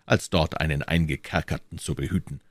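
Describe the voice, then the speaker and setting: A man's voice: a bass voice, brisk, husky, no room sound, clean studio sound, full character voice. A man voicing a proud, defiant musketeer captain who speaks in a firm, unyielding way.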